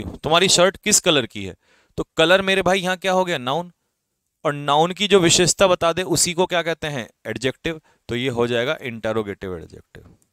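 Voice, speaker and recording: This young English teacher has a medium-pitched, fairly bright, clean voice, recorded without echo. Teaching grammar in a classroom lecture, he explains things in Hindi, poses and answers his own questions, and reads English examples slowly and emphatically.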